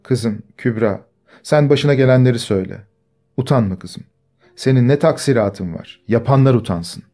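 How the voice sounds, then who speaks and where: A man reading the part of a poor older mother who speaks wearily and pleads slowly. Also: mid-range voice, dark tone, soft background music, close to an everyday voice. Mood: pleading.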